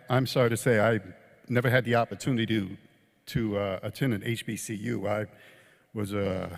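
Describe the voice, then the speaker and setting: A man giving a hesitant acceptance speech, pausing often with fillers. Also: lowish voice, creaky, in a large hall. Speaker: award acceptor, musician. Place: large hall.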